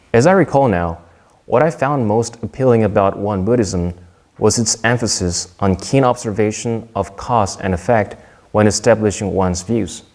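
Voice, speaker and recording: A young Korean man gives a prepared Dharma talk, speaking in a measured, earnest way with a few small restarts. His voice is fairly low and a little mellow.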